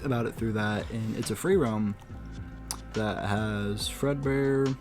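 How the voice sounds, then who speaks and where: A man's voice: fairly low pitch, slow pace, music in the background. A man co-hosting a casual podcast chat, searching for words as he talks. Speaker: podcast co-host. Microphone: shared mic with the host.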